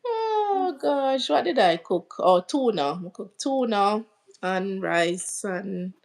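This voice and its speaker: A woman's voice: medium pitch, slow, vocal fry, poor audio. A woman hosting a casual livestream, chatting and greeting viewers by name. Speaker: livestream host.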